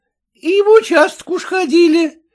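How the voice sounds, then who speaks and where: A whining, tearful cook woman with a high voice, as a male reader puts her on. She sounds put-upon and complaining, in a storybook reading. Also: moderate pace, a little mellow. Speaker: character in a read story.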